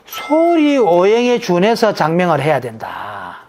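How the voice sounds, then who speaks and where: A man, a monk, explains his teaching to an interviewer. His pitch rises and falls in lively swings. He often puts a question and then answers it in an emphatic, casual tone. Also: a little slow, a little hiss or hum. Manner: lecturing, asks rhetorical questions and answers them himself; drops into a casual, emphatic sentence ending. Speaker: Buddhist monk who gives naming advice.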